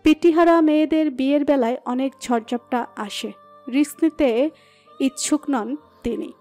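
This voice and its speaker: Brief: female storyteller, high mellow tone, steady expressive narration. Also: moderate pace. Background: soft background music.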